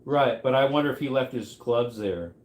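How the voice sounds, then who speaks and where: Man, mid-30s, casual stream host, mid-pitched, rambling chatter, echoey room. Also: animated, normal speed, slight background noise. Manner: rambling, reacts to chat as he goes. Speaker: livestream host running trivia. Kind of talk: casual livestream chat.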